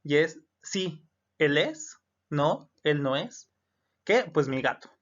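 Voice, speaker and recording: A man's voice: fairly high pitch, big pitch swings, slow, fairly bright tone. A man teaching English grammar to students in Spanish. He explains patiently and repeats each example with its translation. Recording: dull lo-fi recording.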